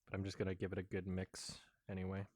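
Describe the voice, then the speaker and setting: A man's voice: low voice, completely flat delivery, quick pace, a little mellow, a little hiss or hum. A man chatting in a casual, offhand, rambling way as he hosts an eating vlog. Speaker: mukbang host.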